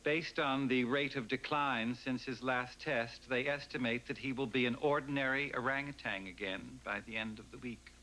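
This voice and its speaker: A man's voice: mid-range voice, steady tone, moderate pace, few pauses, pushed and bright, natural voice, poor audio. An actor playing a formal, loyal male household servant in a 1980s sitcom, precise and dryly ironic.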